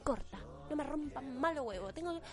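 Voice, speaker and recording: A woman's voice: high voice, expressive, moderate pace. A teenage girl with an Argentine accent, ranting to camera in a blunt, profane and sarcastic way. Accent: Argentine Spanish. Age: teens. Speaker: vlogger. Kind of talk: opinion rant to camera.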